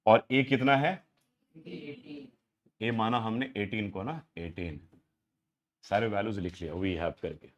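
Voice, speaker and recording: Over dull audio, a middle-aged man from India speaks in a mid-range voice while teaching math to a live class. His classroom lecture mixes Hindi and English, and he keeps putting questions to students as he works through each step.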